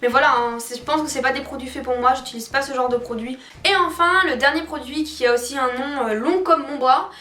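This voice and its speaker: A woman's voice: sits high, fairly quick, hardly any pauses, sharp tone. A woman chatting casually to viewers as a beauty vlogger reviewing products, candid and opinionated in colloquial wording. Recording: roomy echo, distant mic, faint music behind.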